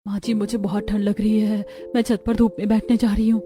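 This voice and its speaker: A woman's voice: medium pitch, flat delivery, a little fast, natural voice. A woman voicing a meek, polite young village daughter-in-law. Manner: soft and polite.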